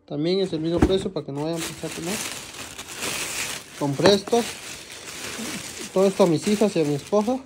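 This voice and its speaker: A young man with a Mexican accent vlogs to camera in a loose, casual way, with plenty of fillers and restarts. His fairly high voice runs a bit fast yet includes long pauses, with background noise present.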